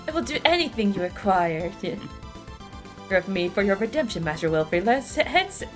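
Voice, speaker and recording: A woman's voice: mid-range voice, sing-song, moderate pace, faint music behind, pitched above the performer's own voice, close to an everyday voice. A woman fan-dubbing a devoted young noblewoman in a game, formal and earnest. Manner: earnest, formal old-fashioned phrasing. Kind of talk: fan dubbing a game's dialogue.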